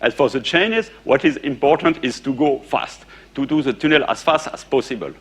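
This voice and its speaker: A man giving a conference talk in English, French being his first language, speaks hesitantly with repeated restarts and frequent "uh"s and "eh"s, stopping now and again to ask the room a question. His voice is medium-pitched and husky.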